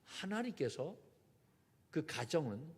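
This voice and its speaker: Animated high-pitched preaching pastor, man. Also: takes it slowly. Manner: preaching with rising emphasis and direct appeals to the congregation. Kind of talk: sermon. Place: church sanctuary. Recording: long hall reverb in a church.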